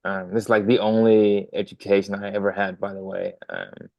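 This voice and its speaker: A young drummer from Denmark, chatting as a podcast guest, speaks in a friendly, rambling way with many fillers and restarts. His lowish voice is creaky, at normal speed. The recording is muffled but without echo.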